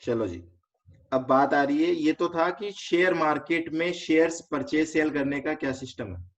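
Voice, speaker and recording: Indian man teaching a finance class. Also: on the high side. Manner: explains step by step, asks students quick check questions; mixes English terms into explanation. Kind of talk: online class lecture. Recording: slightly dull lo-fi recording.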